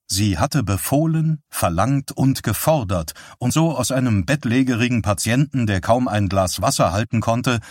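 A man narrating an audiobook in a calm, even reading voice. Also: medium pitch, normal speed, few pauses, no echo, studio quality. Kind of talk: scripted narration.

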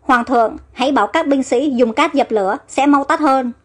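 A woman's voice: high voice, moderate pace, faint music behind. Woman reading a frightened young queen. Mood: anxious. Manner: breathless, frightened. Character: young queen waking in danger.

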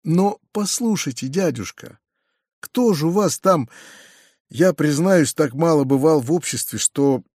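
A man's voice: on the high side, animated, a little slow, a little mellow, dry recording, clean studio sound. A man voicing a shy, earnest young nephew who presses with his questions.

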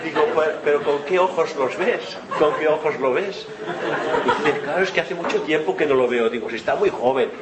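A man's voice: a little high, normal speed. A man telling a long funny anecdote to a live audience, chatty and often laughing. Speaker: event organizer. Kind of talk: storytelling to an audience. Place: lecture hall with audience. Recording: roomy hall with noise.

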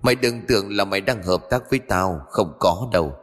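A man's voice: low-pitched, fairly quick, long reverb tail, faint music behind. A man voicing a cruel, domineering male ghost who talks in a threatening, commanding way.

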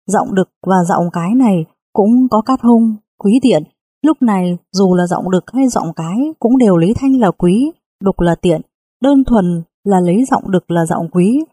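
Husky, mellow woman reading an audiobook. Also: medium pitch, dry recording. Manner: measured, phrase-by-phrase reading. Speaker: audiobook narrator. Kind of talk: scripted audiobook narration.

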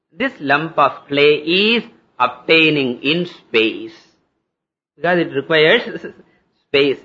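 A man with a South Indian accent giving a spiritual lecture, explaining step by step in a didactic way with rhetorical questions and deliberate repetition. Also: a little high, sharp tone. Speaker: spiritual teacher. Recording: dull lo-fi lecture recording.

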